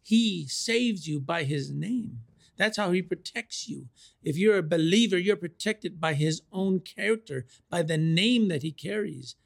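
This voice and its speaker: A man preaching a sermon, slow and deliberate, repeating key phrases for emphasis. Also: high voice, lively intonation, creaky.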